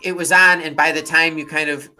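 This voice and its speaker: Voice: mid-range voice, steady tone, brisk, pushed and bright, rough recording. An adult co-host chatting casually, hesitantly prompting the other speaker with questions. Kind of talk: casual chat.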